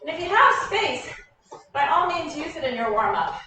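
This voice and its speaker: A woman fitness coach with a high voice leads exercises in short, directive cues. She is energetic and encouraging as she counts through moves. The recording is very reverberant and distant, with faint noise. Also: normal speed. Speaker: fitness coach leading a warm-up. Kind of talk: group workout instruction, clipped cues and countdowns. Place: echoey indoor room, heard from a distance. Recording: very echoey room, distant mic, faint noise.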